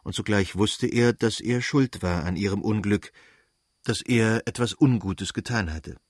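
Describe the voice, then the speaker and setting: A man narrating a classic novel aloud in a measured, even manner. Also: on the low side, breathy edge, dry recording, clean studio sound. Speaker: audiobook narrator. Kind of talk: scripted literary narration.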